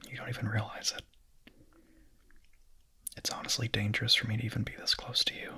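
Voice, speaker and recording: A man voices a young vampire in an intimate ASMR roleplay, whispering softly and haltingly with a breathy, husky quality. He sounds hungry but hesitant and tender, fully in character, his voice lowish and his tone level.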